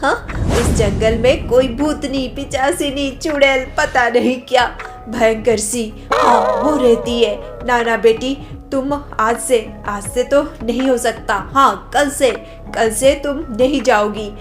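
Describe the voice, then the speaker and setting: A woman's voice: on the high side, steady tone, takes it slowly, music in the background. A woman voicing a worried, nagging older mother-in-law in a cartoon story. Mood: scolding. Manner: nagging, fretful, pleading.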